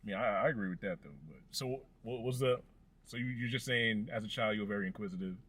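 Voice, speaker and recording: A man's voice: on the low side, fast talker, fairly bright tone, slightly rough. A man co-hosting a podcast, interviewing in casual talk from a car, asking probing questions and often repeating words. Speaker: podcast co-host.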